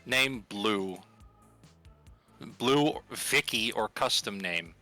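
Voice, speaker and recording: A man's voice: fairly low pitch, drawn-out words, pushed and bright. A man chatting casually and jokingly through a game, reading text aloud, exclaiming and repeating himself for comic effect. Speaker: video game let's player. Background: music.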